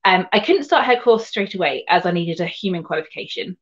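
A woman's voice: lowish voice, lively intonation, brisk, lo-fi sound. A woman from Surrey with a southern English home counties accent, telling her story conversationally as an interview guest, rambling and rephrasing as she goes. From Surrey, England. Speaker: guest, equine sports massage therapist.

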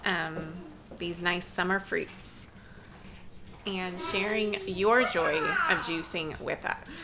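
A woman podcaster in her thirties talks through family life in a relaxed, reflective way. Her voice sits a little low and has a gravelly fry. She takes her time, with a faint hiss of noise behind her. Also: slow. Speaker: podcast host. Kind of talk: casual podcast talk.

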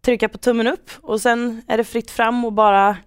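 A woman's voice: fairly high pitch, little pitch movement, smooth, no echo, clean studio sound. A woman hosting a football podcast, talking casually as she guides listeners through the show. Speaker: podcast host.

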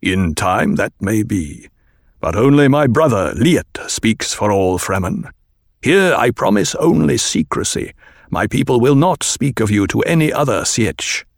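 Guy playing a stern desert chief for an audiobook, gravelly, slow and grave, dry sound. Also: lowish voice, sing-song, no echo, heavily acted. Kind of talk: audiobook reading.

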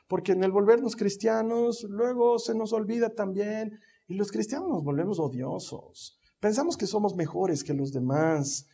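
A man with a high voice preaches a sermon and talks straight to his listeners. He keeps asking them questions and gives the people in his stories voices of their own. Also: warm tone, husky. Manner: conversational preaching with rhetorical questions. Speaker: pastor.

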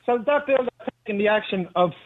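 A man's voice: sits high, expressive, quick pace, dry recording. A man calling in to a radio show from a building site, arguing defiantly and talking over the host, his phone line buzzing and breaking up. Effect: buzzy phone line that keeps breaking up. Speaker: caller. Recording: tinny glitchy phone line.

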